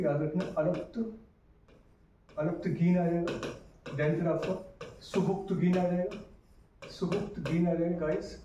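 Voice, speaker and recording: Male history tutor, slightly high and mellow voice, repetitive and conversational, recorded off-mic in a very echoey room with faint hiss. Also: distant mic, dull audio. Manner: repetitive, checks in with "clear guys?". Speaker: history teacher. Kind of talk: casual exam-prep lecture.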